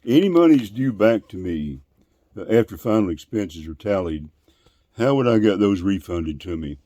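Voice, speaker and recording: A man in casual phone conversation, asking questions in a polite, deliberate, long-winded way. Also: lowish voice, expressive, dark tone, no echo, studio quality. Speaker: call recipient.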